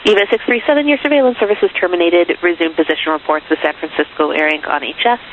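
A woman working as an air traffic controller, giving clipped, formulaic instructions and numbers over a radio. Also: fairly low pitch. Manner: brisk, formulaic, digit-by-digit readouts. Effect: radio transmission. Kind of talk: clipped procedural radio communication. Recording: narrow tinny radio channel with hiss.

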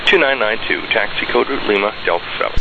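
A man's voice: on the low side, lively intonation. A man working as an air traffic ground controller, giving clipped procedural instructions over a walkie-talkie style radio. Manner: procedural, brisk phraseology. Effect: two-way radio transmission. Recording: hissy, muffled aviation radio, loud static.

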